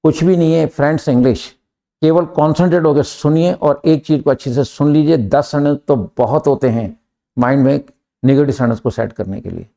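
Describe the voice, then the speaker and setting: A middle-aged Indian man teaches grammar, switching between Hindi and English. His voice is gravelly and dark, and he slows right down to dictate each example sentence. He keeps checking with his students by asking "clear?". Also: a little high.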